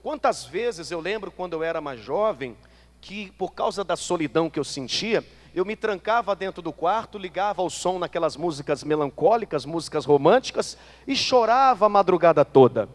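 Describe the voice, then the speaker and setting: A man preaching a sermon as pastor, animated, asking the congregation rhetorical questions and acting out their excuses. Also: high voice, moderate pace, long reverb tail. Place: church.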